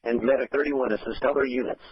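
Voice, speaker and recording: A man's voice: mid-range voice, steady tone, quick pace. A man reading out a formal fire alarm dispatch over the radio, unit by unit. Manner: formal, listing units item by item. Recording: dull, rough radio dispatch audio.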